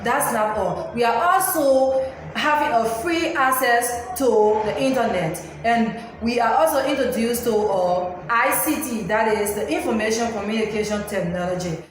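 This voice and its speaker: A student, speaking earnestly in an interview. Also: female voice, on the high side, moderate pace, few pauses. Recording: very echoey room, faint noise.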